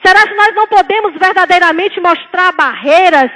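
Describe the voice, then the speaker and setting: Woman, Northeastern Brazilian accent, high voice, impassioned political oratory, emphatic repetition, long hall reverb. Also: moderate pace, bright, forceful tone. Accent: Northeastern Brazilian (Bahia). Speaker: city councillor. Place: indoor council chamber. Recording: reverberant council chamber hall.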